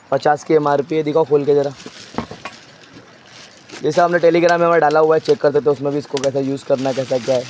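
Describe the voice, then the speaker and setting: A man showing stock in a crowded wholesale storeroom, briskly listing items and prices and telling a helper what to hold up. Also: on the high side, darkish tone, slight background noise. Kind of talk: walk-through product showcase.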